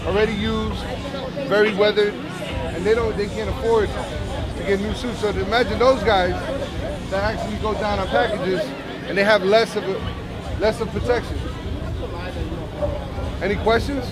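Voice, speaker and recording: A bomb squad officer in his thirties explains his gear to a crowd at an outdoor community event, chatting casually and restarting often. His voice sits high, with fairly even intonation, normal speed and long pauses.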